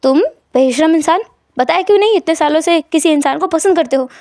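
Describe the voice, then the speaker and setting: A woman's voice: high voice, brisk, mellow, no echo, studio quality. A woman voicing a middle-aged mother who scolds and teases her son. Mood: scolding. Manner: teasing, scolding.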